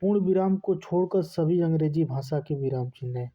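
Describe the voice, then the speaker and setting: A man's voice: on the high side, a little fast, dark tone. A man teaching a lesson, asking questions and answering them himself. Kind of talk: classroom lesson. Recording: dull lo-fi recording.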